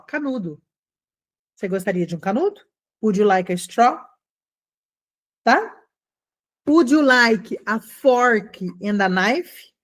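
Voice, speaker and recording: A middle-aged woman teaching an English lesson in a chatty, encouraging way, slowing down to model phrases. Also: medium pitch. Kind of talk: casual online English lesson.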